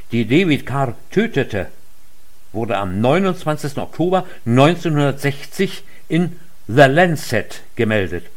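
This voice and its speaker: A man gives a formal lecture as read speech, measured and earnest, at a medium pitch.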